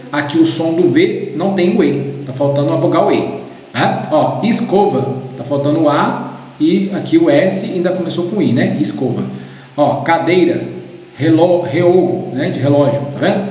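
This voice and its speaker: A man's voice: on the high side, animated, normal speed, a little mellow. A man with a Brazilian Portuguese accent, a teacher walking through a grading guide in an explanatory way, often checking in with his listeners. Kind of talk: recorded lesson walkthrough. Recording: echoey room with long reverb.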